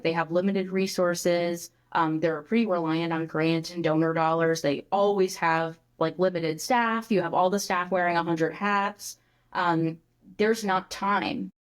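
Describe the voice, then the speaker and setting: A woman who is a guest on a podcast, explaining her ideas in an animated, casual way with many filler words. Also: fairly low pitch, unhurried. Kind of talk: conversational interview.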